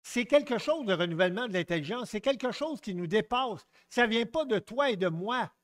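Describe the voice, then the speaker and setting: A middle-aged man with a Québécois French accent preaching a sermon, lively and joking, often stepping aside to tell stories and acting out quotes. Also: sits high, normal speed. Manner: lively, jokes and digresses, acts out quotes.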